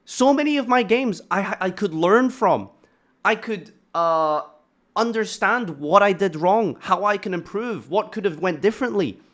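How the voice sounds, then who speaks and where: A man's voice: sits high, expressive, measured pace, a bit bright. Blunt man ranting in reaction commentary. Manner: blunt, ranting, sarcastic asides. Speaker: streamer reacting to a video.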